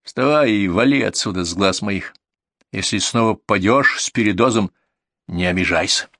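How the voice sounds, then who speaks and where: A man voicing a gruff, tired male ambulance doctor with a stern, mocking manner, in a storybook reading. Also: on the low side, moderate pace, a bit bright, dry recording, clean studio sound.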